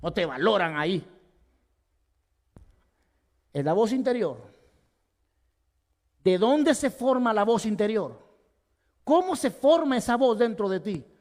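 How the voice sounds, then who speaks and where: A male pastor preaching a sermon with passion, swinging from loud emphasis to hushed tones. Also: very high voice, very animated, a little slow, long pauses. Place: church sanctuary. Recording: long hall reverb.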